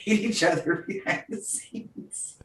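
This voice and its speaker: A woman co-hosting a podcast tells a story in a casual, animated way, laughing often. Her voice is lowish and measured, and the roomy, distant mic picks up a little hiss or hum.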